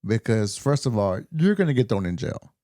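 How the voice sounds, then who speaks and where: A man's voice: on the low side, big pitch swings, moderate pace, warm tone, no echo, clean studio sound. A man hosting a podcast in casual, rambling chat, swearing now and then. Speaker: podcast host.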